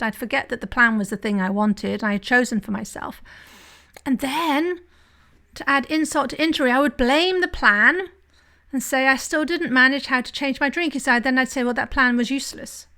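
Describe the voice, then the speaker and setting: Bright-voiced woman podcaster. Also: sits high. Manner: candid, confessional, frequent "right?" asides. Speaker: podcast host and drinking coach. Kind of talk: solo podcast monologue.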